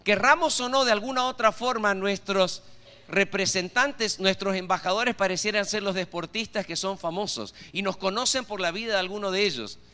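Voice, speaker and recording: A pastor with an Argentine Spanish accent preaches to his congregation, repeatedly asking them rhetorical questions. He talks at normal speed in a high, bright, forceful voice with a clean tone, and the church hall around him is reverberant.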